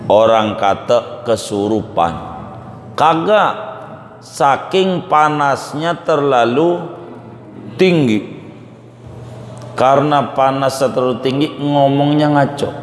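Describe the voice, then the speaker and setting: A man with a Betawi Jakarta accent teaching a religious study lecture, making folksy jokes to the audience. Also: medium pitch. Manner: folksy joking asides to the audience. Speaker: Islamic teacher. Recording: echoey hall with faint room noise.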